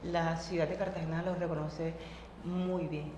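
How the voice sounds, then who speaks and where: A woman's voice: on the low side, level tone, measured pace, darkish tone, roomy sound, in a large hall, a little hiss or hum. A young woman hosting a talk show interview, asking questions and giving short prompts. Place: TV studio set.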